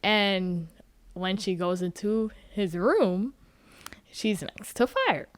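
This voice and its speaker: A woman talks at an unhurried pace in a smooth, clear voice. She is a podcast host giving a casual, profane, sarcastic recap of a book. Her delivery is loose and conversational. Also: medium pitch, animated, dry recording.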